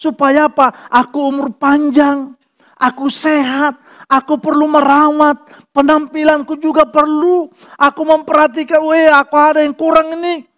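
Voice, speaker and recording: A male pastor preaching a sermon, switching between loud, emphatic points and soft, low-voiced asides, with joking personal stories. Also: flat delivery, normal speed.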